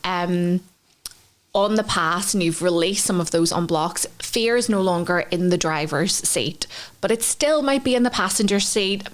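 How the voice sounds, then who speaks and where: A woman with a Northern Irish accent co-hosting a podcast, explaining a framework step by step in an earnest, encouraging way. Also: mid-range voice. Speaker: podcast co-host. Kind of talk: conversational podcast teaching.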